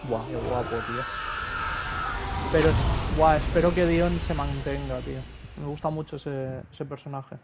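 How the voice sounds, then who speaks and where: Young man from spain, spanish accent, excitable stream commentary, swears a lot, stammers repeats, slightly high voice, faint hiss. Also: moderate pace. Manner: excitable, swears often, repeats words in bursts. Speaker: game streamer. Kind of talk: live gameplay commentary.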